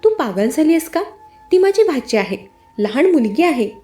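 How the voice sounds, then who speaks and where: A woman's voice: sits high, big pitch swings, moderate pace, reverberant, soft background music. A woman voicing a firm, stern adult man who argues with his wife and comforts his young niece. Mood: angry. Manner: firm, stern, then gently reassuring. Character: angry but caring husband and uncle, adult man.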